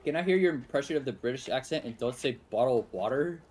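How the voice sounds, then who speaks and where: Lively young Texan game streamer. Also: male voice, medium pitch, fast, soft background music. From Texas. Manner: rambling, answers chat, laughs often. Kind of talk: casual live-stream chat.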